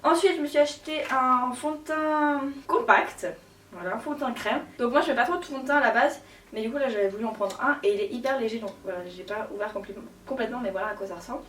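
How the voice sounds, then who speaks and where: A woman's voice: a little high, quick pace, fairly bright tone, roomy sound, far from the mic, slight background noise. A young woman chatting casually to camera about her haul, gushing and slangy, with lots of fillers. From Switzerland. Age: young adult. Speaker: beauty vlogger.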